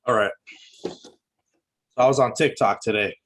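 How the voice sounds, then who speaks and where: A podcast co-host reviews a movie in casual banter, using slang, jokes, and playful nitpicking. His voice is medium in pitch and fairly bright, and he speaks at a moderate pace.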